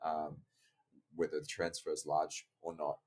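Deep-voiced man explaining research. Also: monotone, a little mellow, breathy edge. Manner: measured, careful, hedging. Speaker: podcast guest, researcher and online coach. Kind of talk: explanatory interview talk.

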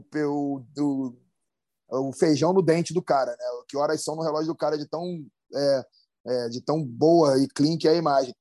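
A Brazilian big-wave surfer, speaking casually on a podcast, tells a story loaded with slang, restarts and sound effects. The man's voice is on the high side and darkish, in a dry, clean studio recording.

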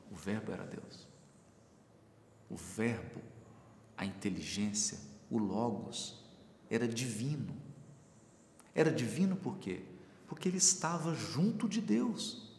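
A man's voice: fairly low pitch, animated, slow, gravelly, pauses often, darkish tone. A man teaching a Bible study, explaining with everyday examples and asking his listeners questions. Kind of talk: spiritual teaching talk. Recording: echoey hall with faint room noise.

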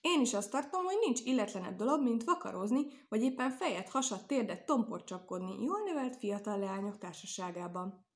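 A woman's voice: medium pitch, animated, close to an everyday voice. A woman reading aloud and voicing a sly, well-mannered male rabbit with a polite, playful manner.

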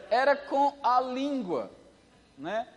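A man preaching a sermon, telling a story in an animated way and acting out the voices. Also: very high-pitched, slow, in a large hall.

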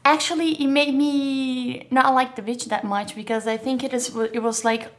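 A woman's voice: high-pitched, fairly even intonation, normal speed. Giggly young Brazilian woman. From southern Brazil. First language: Portuguese. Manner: hesitant, many fillers, giggly. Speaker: interview guest, model. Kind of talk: casual interview chat.

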